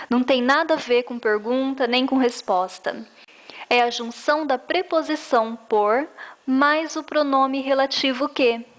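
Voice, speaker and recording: A woman with a high, light voice teaches a grammar lesson. She explains each rule patiently and clearly, then reads out example sentences to show it.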